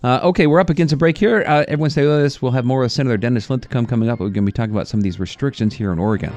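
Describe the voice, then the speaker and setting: A man's voice: medium pitch, rapid-fire, darkish tone. A man hosting a political talk radio show, speaking earnestly with frequent filler words.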